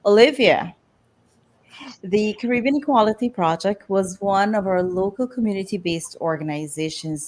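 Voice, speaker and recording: Lady host, voice a bit low, asks guests stuff straight out. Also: a little mellow. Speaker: show host. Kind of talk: interview hosting.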